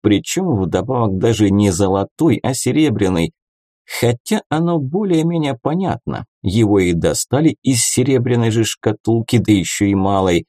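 Man, audiobook narrator, first-person, ironic conversational telling, mellow voice, dry close recording. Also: on the low side, expressive, moderate pace, no echo.

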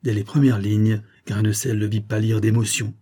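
A man narrating a classic French novel as an audiobook, in a measured, dramatic storytelling manner. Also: on the low side, flat delivery, dark tone.

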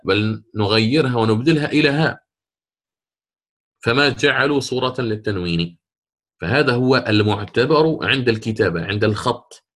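Guy lecturing a class, mid pitch, restarts a lot, asks questions then answers them. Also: fairly bright tone. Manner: explanatory, with frequent restarts and rhetorical questions. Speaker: Quran recitation teacher.

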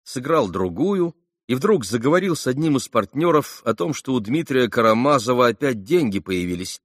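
A male audiobook narrator reading a classic novel in a steady, even voice at a medium pitch. The sound is dry and close, with no room around it. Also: normal speed, dry recording. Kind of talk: scripted narration.

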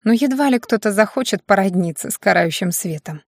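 A woman voicing a proud, sharp-tongued young female student with a snippy, mocking manner. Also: mid-range voice, lively intonation, fairly quick, no room sound, clean studio sound. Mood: snippy confident.

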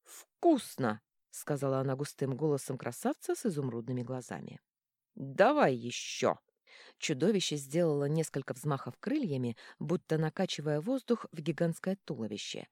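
A woman narrating an audiobook with expressive, lively storytelling. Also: deep voice, fairly quick, hardly any pauses, no echo, studio quality. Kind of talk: scripted narration.

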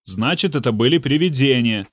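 A man voicing a shaken, irritated husband who snaps back curtly, close to shouting. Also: mid-range voice, lively intonation, moderate pace, no room sound. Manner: irritated, snapping.

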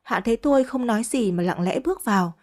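A woman's voice: a little high, lively intonation, fast talker, a little mellow. Woman narrating a family drama story. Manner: reads every character herself, shifting tone for quarrels and crying. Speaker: audiobook narrator. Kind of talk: first-person story narration with voiced dialogue.

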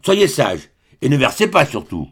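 A man's voice: mid-range voice, wildly swooping pitch, normal speed, fairly bright tone, breathy edge, exaggerated voice. A man voicing a coy young married woman who scolds her admirer in a mock-stern, motherly way. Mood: coy scolding.

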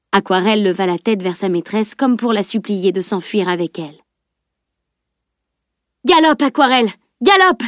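Woman, audiobook narrator, steady reading, dry recording. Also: medium pitch, no echo. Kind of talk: scripted narration.

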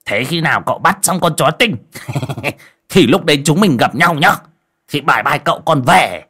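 A man's voice: mid-range voice, very animated, moderate pace, fairly bright tone, slightly rough. A man voicing a cowardly, mocking old male medium who fawns and wheedles. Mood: wheedling. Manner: fawning, wheedling, comic.

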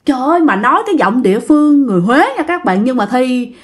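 A woman with a Mekong Delta accent tells a ghost story, chatting straight to her listeners. Her fairly high voice is lively, rising and falling a great deal. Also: fast talker. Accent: Southern Vietnamese, Mekong Delta. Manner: chatty, addresses listeners directly.

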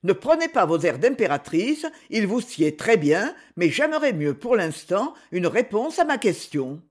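A man's voice: high voice, sing-song, a little slow, full character voice. A narrator voicing a sarcastic, threatening male secretary with a cold, mocking manner. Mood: cold menace.

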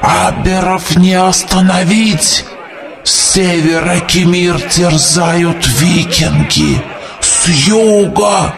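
This man performs an exaggerated audiobook voice of an old grey-haired prophet, high, creaky and dusty, speaking extremely slowly from a distant mic over music. The mood is prophetic as he preaches solemnly and fervently to a crowd of doom, building to shouts.

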